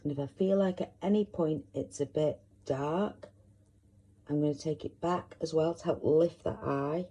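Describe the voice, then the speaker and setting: A woman hosting a step-by-step makeup tutorial, talking in a soft, chatty way as she demonstrates, with a croaky voice. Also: deep voice, normal speed.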